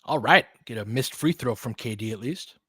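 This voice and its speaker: An American man calls a basketball game as a partisan fan, in casual audio play-by-play made of clipped, colloquial present-tense phrases. His voice is medium-pitched, fairly bright and husky, at a moderate pace. The sound is dry and clean, studio-style.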